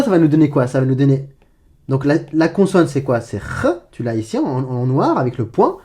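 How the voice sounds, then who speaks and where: A man with a mellow, dark-toned voice teaches an Arabic letter in a relaxed, chatty way. He talks straight to the viewer and often stops to correct himself. He slows down to repeat throaty sounds. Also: fairly high pitch. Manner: demonstrates throaty sounds slowly and repeats them. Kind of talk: casual online language lesson.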